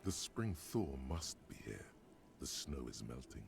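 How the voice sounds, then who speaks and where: Deep, gravelly game narrator. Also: male voice, big pitch swings, unhurried, exaggerated voice. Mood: brooding. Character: grave male narrator, the hero's inner voice. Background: game music.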